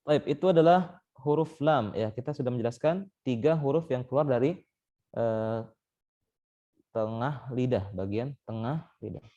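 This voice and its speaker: A man's voice: mid-range voice, unhurried, mellow, highs cut off. A young man teaching tajwid in an online class over a call mic, explaining step by step with frequent "eh" and "baik". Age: young adult. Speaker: Quran recitation teacher.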